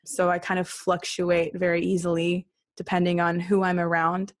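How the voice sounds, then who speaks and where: A woman's fairly low, monotone voice proceeds at normal speed in a dry, clean studio recording. Born in Australia and raised in Israel and Brisbane, this singer-songwriter is a podcast guest, speaking casually and candidly about her personal experiences.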